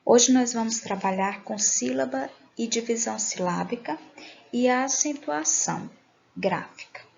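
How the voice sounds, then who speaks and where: A woman's voice: fairly high pitch, a little slow, gravelly, darkish tone. A woman teaching a grammar class, patiently asking questions and answering them herself. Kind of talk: recorded online class. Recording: dull lo-fi recording.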